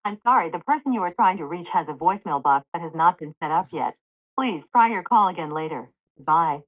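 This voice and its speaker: A low-pitched woman's automated voice reads out voicemail prompts in a flat, measured way. It sounds thin and narrow, as if it were coming down a landline phone. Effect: heard over a landline phone. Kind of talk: automated system announcement. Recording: tinny phone line.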